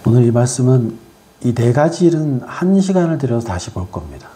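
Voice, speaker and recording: A preacher delivering a sermon, firing rhetorical questions at the congregation and swinging between loud exhortation and quiet asides. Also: mid-range voice, very animated, fairly quick, a little hiss or hum.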